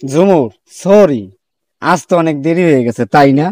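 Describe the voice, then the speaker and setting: A man's voice: on the high side, expressive, normal speed, a little mellow, dry recording, faint music behind, close to an everyday voice. A young man acting a shy boyfriend in a drama, speaking meekly and apologetically. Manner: meek, apologetic. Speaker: timid boyfriend.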